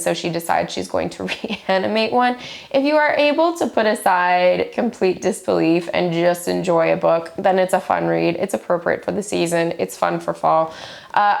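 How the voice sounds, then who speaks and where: A woman's voice: lowish voice, gravelly. A woman in her thirties chatting enthusiastically about books she has read, still getting over the flu. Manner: enthusiastic, gushing. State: recovering from flu. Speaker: book vlogger. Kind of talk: casual book review chat.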